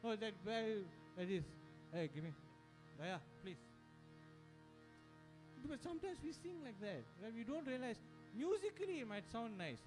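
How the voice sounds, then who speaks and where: A man's voice: very high voice, very animated, a little fast. A man teaching a devotional singing workshop, who talks conversationally, breaks into sung examples and keeps checking in with his audience. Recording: music playing behind.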